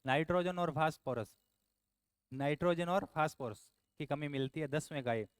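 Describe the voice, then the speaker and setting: Brisk, fairly high-voiced male teacher. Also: clear, resonant tone, dry recording. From Rajasthan. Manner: brisk, scolding asides, quizzes listeners. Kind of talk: exam answer walkthrough.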